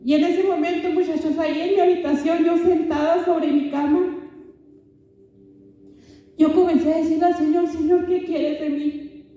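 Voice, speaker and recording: Young woman, high voice, giving an earnest testimony to youth, recorded far off in a booming hall. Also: steady tone, dark tone, soft background music. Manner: earnest, addresses listeners directly, often halting and repeating words. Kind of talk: emotional spoken testimony to a youth group.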